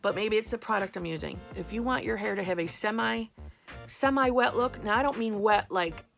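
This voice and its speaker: Woman vlogger, New York accent, gravelly fry, sarcastic and blunt, faint music under her. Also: medium pitch, brisk, a bit bright. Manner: blunt, sarcastic, swears casually. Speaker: beauty vlogger. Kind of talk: casual chat to camera. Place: home, indoors.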